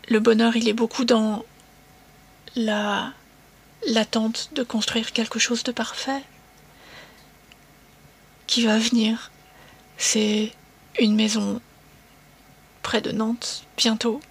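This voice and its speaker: A woman co-hosting a podcast, talking in a soft breathy voice, slow and reflective with small hesitations. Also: a little high. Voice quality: breathy, half-whispered voice. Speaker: podcast co-host. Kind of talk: casual podcast chat.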